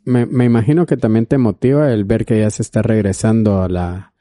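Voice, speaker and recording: Man, interviewer, deep and very dark voice, dry close sound. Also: fairly even intonation, a little fast, no echo. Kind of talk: casual interview chat.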